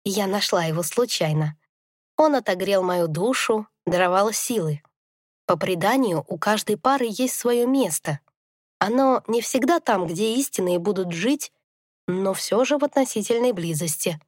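A woman's voice: mid-range voice, expressive, moderate pace, dry recording, lightly acted. Woman doing wise old she-wolf grandmother, wry, knowing, fantasy storybook, dry sound.

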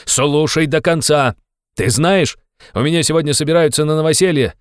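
A man voicing a hot-tempered, blustering young male friend who shouts and scolds. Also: fairly high pitch, moderate pace, smooth, no echo, clean studio sound, pitched above the performer's own voice, natural voice. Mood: blustering scolding.

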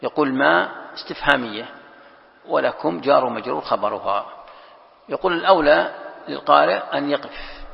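Gravelly sheikh lecturing in echoing hall. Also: male voice, on the high side, expressive, normal speed, long pauses. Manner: explains patiently, repeats key phrases, quizzes students. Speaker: sheikh teaching Quran exegesis. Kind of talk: classroom lecture. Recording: lo-fi lecture recording with long hall reverb.

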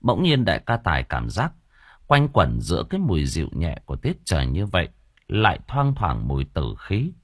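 A deep male voice reads a novel aloud as an audiobook. His delivery swings lively up and down, colloquial and expressive. The sound is close and dry. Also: breathy edge, no echo. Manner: colloquial, expressive reading with coarse asides. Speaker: audiobook narrator. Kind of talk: storytelling narration of a novel.

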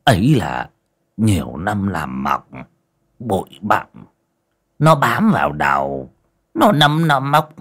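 A man's voice: sits high, extremely slow, a little mellow, voice pushed up. A man voicing a sick old man who groans and talks weakly from his bed. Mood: feeble. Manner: weak, groaning, breathy.

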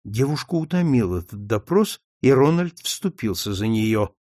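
A man reading a novel aloud as narrator in an expressive, dramatic way. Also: mid-range voice, normal speed, dry recording, clean studio sound. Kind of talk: audiobook reading.

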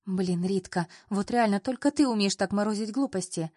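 A woman's voice: mid-range voice, normal speed, no room sound, studio quality, lightly acted. A woman voicing a teasing young boss. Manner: teasing, then gently apologetic.

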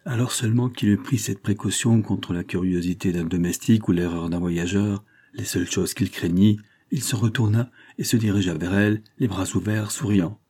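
A man reading a classic novel aloud as narrator, in a measured, even storytelling manner. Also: fairly low pitch, slightly rough. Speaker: audiobook narrator.

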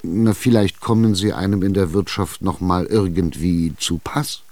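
A fretful old widow , as a male reader puts her on, drags out her words in a low, hesitant whine. She sounds stubborn and easily frightened, and the dry, close recording of this radio play keeps every sigh near. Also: steady tone, a little mellow, dry recording. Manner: slow, hesitant, whining. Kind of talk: radio drama reading.

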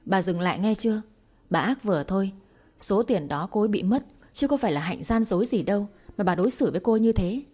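A woman voicing a protective young man in an audiobook, speaking softly when tender and sharply when indignant. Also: mid-range voice, animated, fairly quick, natural voice.

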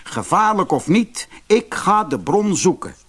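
A man's voice: high-pitched, big pitch swings, a little slow, fairly bright tone, slightly rough, pitched above the performer's own voice, heavily acted. A man voicing a proud, ambitious eldest prince in a storybook reading. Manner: haughty and curt.

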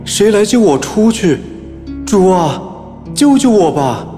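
A man's voice: sits high, sing-song, slow pace, dark tone, faint music behind, heavily acted. A man playing an eager, impulsive, naive young man in an acted children's audio story. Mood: desperate pleading.

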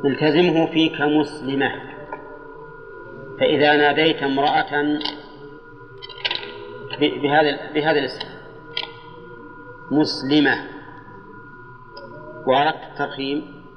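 An older man teaching Arabic grammar to students in a lesson, slow and measured, drawing out the words of his examples and putting questions to the class. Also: on the high side, level tone, a little hiss or hum. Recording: dull old lecture tape in a reverberant hall.

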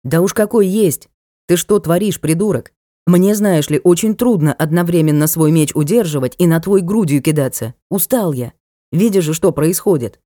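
A woman's voice: lowish voice, normal speed, warm tone, no room sound, clean studio sound, lightly acted. A woman voicing a blunt teasing knight. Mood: brusque. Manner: brusque, teasing, matter-of-fact. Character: blunt mocking young male knight. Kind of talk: audiobook character voice.

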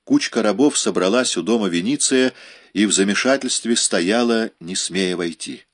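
A man reading a historical novel aloud as an audiobook narrator, measured and dramatic. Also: fairly low pitch. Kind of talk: scripted narration.

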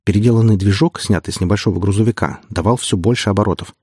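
A man narrating an audiobook in a steady storytelling manner. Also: fairly low pitch, quick pace, slightly rough, no echo, clean studio sound. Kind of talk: scripted narration.

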